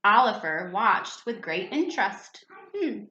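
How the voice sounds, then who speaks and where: In an echoey room with a slightly dull sound and heavy background noise, a woman reads a storybook aloud as a teacher would. Her mid-range voice is sing-song and a little slow, and she expressively slips in small asides and questions to the children listening.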